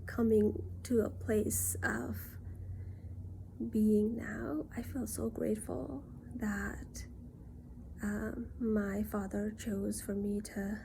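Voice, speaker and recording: A woman from Nepal, talking in an earnest, reassuring monologue that often drops into soft near-whispers. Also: medium pitch, vocal fry, background noise. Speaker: self-reflection vlogger. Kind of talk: casual reflective monologue.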